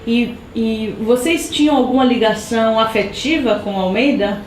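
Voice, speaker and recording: A woman's voice: on the high side, normal speed. A woman interviewer asking short, prompting questions in an oral history interview. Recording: echoey room, faint noise.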